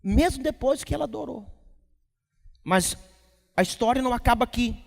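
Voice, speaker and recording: A male pastor preaching a lively sermon at a church service, quizzing the congregation and breaking into shouts. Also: extremely high pitch, moderate pace, vocal fry. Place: church service in a large hall. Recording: long hall reverb from the church.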